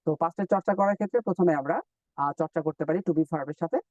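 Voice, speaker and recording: A man teaching English in a live online lesson, explaining step by step and repeating drill words slowly. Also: fairly high pitch, darkish tone, dry recording, recorded from a distance, dull audio.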